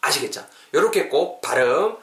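A man's voice: a little high, lively intonation, fairly bright tone, echoey room. Playful man teaching English. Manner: playful, slows to spell out English words. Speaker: English teacher and podcast host. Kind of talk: podcast English lesson.

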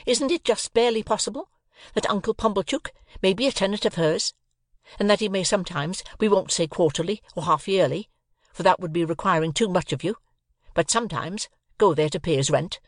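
Speaking briskly in a mid-range voice, the narrator performs a scolding older sister who is sharp-tongued, snappish, and sarcastic, launching long reproachful rants in this audiobook character voice. It's lightly acted and raised above the performer's natural pitch, with clean studio sound and no echo.

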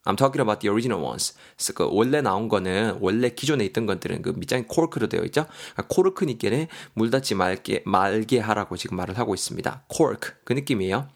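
A man teaching English vocabulary in a lively way, spelling out words letter by letter and repeating them. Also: on the low side, fairly quick, gravelly, hardly any pauses. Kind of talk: language lesson.

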